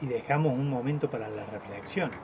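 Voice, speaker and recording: A man's voice: medium pitch, brisk. A man giving a casual spoken lesson on voice and speech, talking with many fillers and restarts. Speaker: voice and speech teacher. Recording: dull lo-fi sound with clear noise.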